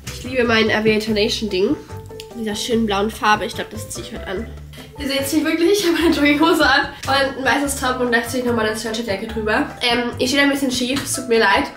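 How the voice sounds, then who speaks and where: Young girl vlogging, really high voice, chatty n slangy, slight braces speech, echoey room. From Germany. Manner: chatty, informal with English slang. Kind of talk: casual chat to viewers.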